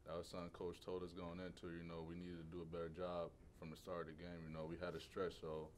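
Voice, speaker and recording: Soft low-voiced young player. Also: male voice, completely flat delivery, fast, slight background noise. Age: 20s. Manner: soft-spoken, leans on you know. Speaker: college basketball player. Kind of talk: postgame press conference answers. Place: press conference room.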